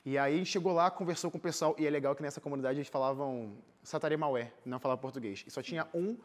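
This fast-talking young man, whose voice is fairly high and carries a Brazilian accent, is a singer and missionary volunteer appearing as a seated guest in a TV studio. He recounts personal stories in an informal, animated way.

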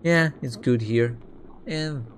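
A man's voice: medium pitch, slow. A man giving casual let's-play commentary, thinking aloud and reading text off the screen. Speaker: video game player and commentator.

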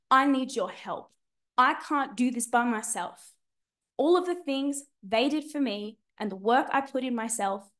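A young Australian woman with a fairly high voice speaks as a student on a panel. She shares personal experience as motivational advice, with emphatic, dramatic phrasing and plenty of colloquial turns. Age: young adult.

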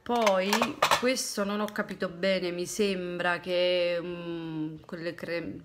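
A woman in her thirties from Italy chatting casually to a phone camera about her makeup, thinking aloud and slipping into low asides. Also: level tone, takes it slowly. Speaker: beauty vlogger. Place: small indoor room at home. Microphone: phone camera close up.

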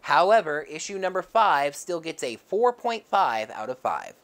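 A woman's voice: low voice, very animated, normal speed. A woman narrating a casual comic book review with wry, sarcastic asides.

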